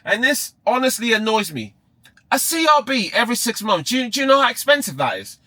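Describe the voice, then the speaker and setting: A man's voice: very high-pitched, sing-song, a little fast, pushed and bright. A man working as a rideshare driver, chatting casually and bantering in his car. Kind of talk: casual chat with passenger. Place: inside a car.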